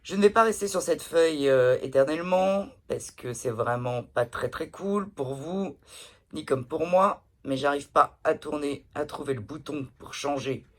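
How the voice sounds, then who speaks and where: A woman vlogging to her phone indoors, telling everyday anecdotes in a blunt, chatty way with plenty of swearing. She takes her time over the words, unhurried and drawn out. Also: low-pitched. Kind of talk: casual storytelling to camera. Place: indoors, pillow behind her. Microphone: phone camera.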